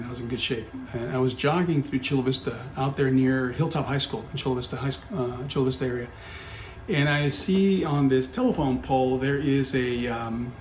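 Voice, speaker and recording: With a medium-pitched, somewhat mellow voice, this middle-aged podcast guest and company founder relates a personal story in loose, casual talk, often using fillers and correcting himself. The recording carries a roomy echo and faint background hum.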